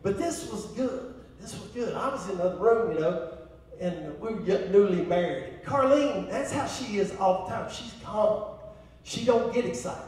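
A Southern American pastor preaches with a strikingly high voice, dropping to quiet asides and then rising to full shouts. He sounds distant from the microphone, and his voice rings through a large, echoing church hall. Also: animated, normal speed, a little hiss or hum. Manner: call-and-response preaching, swinging from hushed asides to shouting. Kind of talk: sermon. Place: church sanctuary. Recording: echoey church hall from far off.

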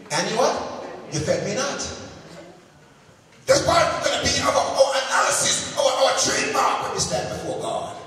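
A middle-aged man preaching a sermon on a handheld mic, calling for answers from the congregation and swinging between loud peaks and low asides. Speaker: pastor. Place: large church sanctuary with a choir behind him. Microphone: handheld microphone. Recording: very echoey, long hall reverb, distant camera mic.

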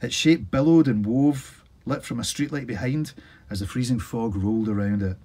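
A man, an author, reading his own story aloud in an expressive, animated way. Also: mid-range voice, normal speed, husky.

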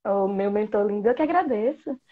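A playful, talkative biology teacher in her thirties from interior Bahia, with a Bahian Brazilian Portuguese accent, guests on a video call from a small room and gestures a lot. Her mid-range voice is expressive, brisk and narrow. Coming through an earphone headset mic, the audio is tinny.

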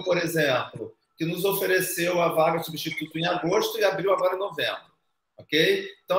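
Brazilian man, meeting chair, slightly high voice, roomy echo, brisk with tag questions. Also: a bit bright. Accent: Brazilian Portuguese. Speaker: council chair. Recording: roomy echoey sound.

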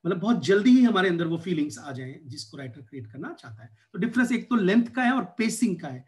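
A man's voice: high voice, sing-song, fast talker, darkish tone. A man from India lecturing on English literature for exam preparation, switching between Hindi and English with an Indian accent and frequent fillers.

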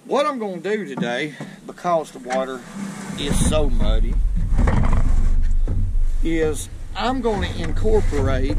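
A man's voice: a little high, heavy background noise. An older man with a drawl, hosting a fishing show and explaining tackle in a rambling, folksy way from a small boat on a river. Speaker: fishing channel host. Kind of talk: casual fishing how-to talk. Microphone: action camera on the boat.

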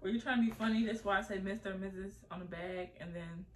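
A woman's voice: mid-range voice, fairly even intonation, fast, low-quality recording. A woman reacting bluntly and skeptically to her boyfriend's prank gifts at home. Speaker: girlfriend, co-host. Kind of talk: casual prank vlog banter.

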